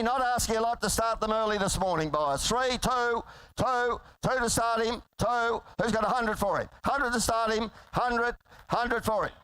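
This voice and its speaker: High-pitched man rattling off auction bids. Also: fairly bright tone, clear, resonant tone, no echo, poor audio. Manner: repetitive, urgent bid calling. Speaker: livestock auctioneer. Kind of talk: rapid-fire auction chant and sales patter. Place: live yearling sale.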